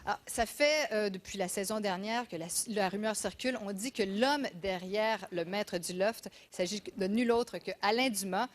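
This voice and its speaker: A woman's voice: mid-range voice, moderate pace, few pauses. A woman with a Quebec French accent hosting a live TV show, teasing and bubbly with her guests. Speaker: show host. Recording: loud crowd and noise behind.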